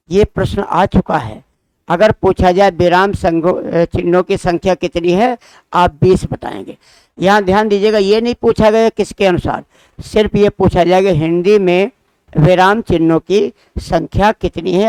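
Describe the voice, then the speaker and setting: A man teaches a Hindi grammar lesson to exam students in a fairly high, smooth, resonant and slightly mellow voice. He goes slowly and deliberately, repeating every example with careful pauses and asking questions he then answers himself. The sound is dry and close, with no room echo.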